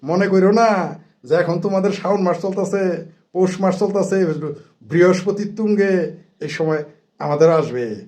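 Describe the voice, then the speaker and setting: A man rails against his opponents in a combative monologue. His voice sits a touch high, and his tone is mocking and sarcastic throughout. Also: unhurried, long pauses, darkish tone. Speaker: political commentator. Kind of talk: angry political monologue.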